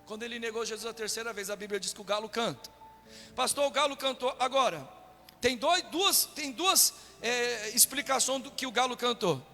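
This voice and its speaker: A man from Brazil, a pastor preaching a sermon with animated delivery, acting out quotes in a raised voice. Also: very high voice, moderate pace. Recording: long hall reverb with faint music.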